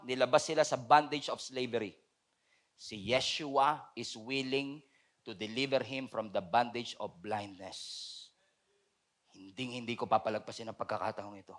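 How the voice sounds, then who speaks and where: A male pastor with a Filipino accent preaching in a sermon, shifting between loud shouting and quiet joking asides. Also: mid-range voice.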